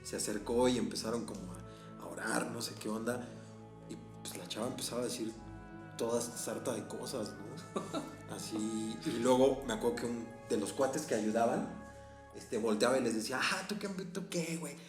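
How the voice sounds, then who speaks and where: A man with a Mexican accent, a teacher on a podcast telling a personal story in a casual, animated way and laughing often. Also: medium pitch, normal speed. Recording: echoey room, faint music.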